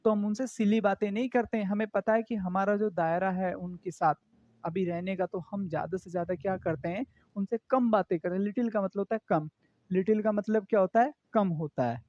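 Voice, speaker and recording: A man's voice: high-pitched, fairly even intonation, brisk, darkish tone, dry recording, lo-fi sound. A man teaching an exam-prep English grammar class, explaining in with English terms and asking his students questions again and again.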